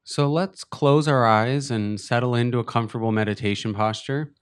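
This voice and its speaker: With a clean tone at medium pitch, a male teacher leads a guided meditation, his short, gentle phrases unhurried and spaced by long silences.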